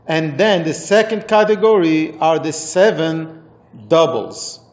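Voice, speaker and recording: A man with a Moroccan accent teaching an interactive religious text class, halting and repeating phrases for emphasis. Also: a little high.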